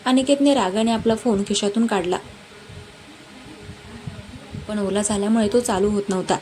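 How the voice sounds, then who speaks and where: A woman narrating a romance story in a dramatic, even-paced reading. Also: mid-range voice, fast. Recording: noisy background hiss.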